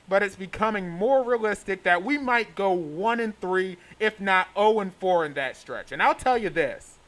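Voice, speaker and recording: A man's voice: high-pitched, a bit bright, low-quality recording. A man hosting a sports vlog, delivering an opinionated rant in an exasperated, emphatic way. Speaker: sports show host.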